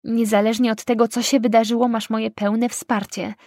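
A woman's voice: fairly high pitch, little pitch movement, normal speed, a little mellow, no room sound, studio quality, natural voice. A woman voicing an alarmed young woman, an insistent and protective best friend, in audiobook dialogue. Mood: calm. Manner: urgent, insistent.

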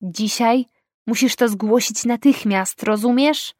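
Woman reading a young woman, worried best friend, urgent and insistent, higher voice, dry sound. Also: slow pace, a little mellow, dry recording. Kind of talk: audiobook dialogue.

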